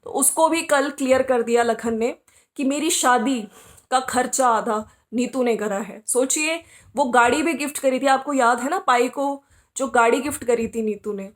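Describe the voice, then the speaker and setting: This woman, speaking at a moderate pace in a high voice, hosts a podcast about social media gossip. She addresses the people involved directly, scolding them and asking rhetorical questions.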